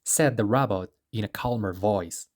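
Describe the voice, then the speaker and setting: A man reading a children's story aloud as narrator, in a steady, expressive manner. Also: fairly low pitch, moderate pace. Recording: music playing underneath.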